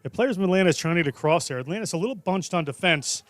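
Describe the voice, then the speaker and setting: A man calling live rugby play-by-play in a brisk, jokey way. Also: sits high, animated, fairly bright tone, no room sound. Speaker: play-by-play commentator.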